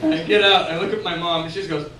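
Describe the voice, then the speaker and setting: A young man from Texas telling a funny personal story on stage at a bar, animated and laughing as he goes. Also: fairly high pitch, racing. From San Antonio, Texas. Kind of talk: comic personal story told live. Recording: echoey room recording from far off, noisy.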